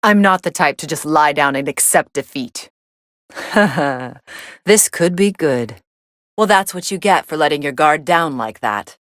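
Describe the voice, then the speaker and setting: Fighting game role: sardonic young android woman, lowish pitch, dry studio sound, dismissive commentary. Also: measured pace, no room sound. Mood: dry, unimpressed. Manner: deadpan, dismissive.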